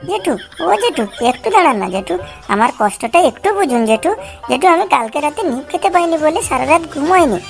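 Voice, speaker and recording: A woman's voice: high-pitched, animated, brisk, vocal fry, soft background music. A woman voicing a whiny male beggar in a cartoon, pleading in a wheedling sing-song. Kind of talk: comic cartoon voice acting.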